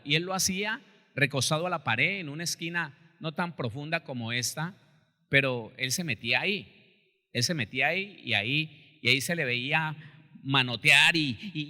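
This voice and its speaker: A male pastor preaching a storytelling sermon, animated, acting out quotes and calling his listeners brother. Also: fairly high pitch, big-room sound.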